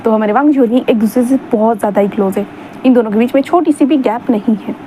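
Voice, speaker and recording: Casual female storyteller, high voice, chatty fillers, faint background hum. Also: quick pace, mellow. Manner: chatty, repeats filler words. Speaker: fan fiction narrator. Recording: dull lo-fi sound, faint hum.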